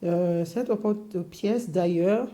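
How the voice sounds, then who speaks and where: A woman with an English accent gives a patient, step-by-step cake decorating lesson. Her voice sits low and mellow, and she often hesitates on filler sounds while explaining each detail. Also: slow. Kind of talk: step-by-step tutorial.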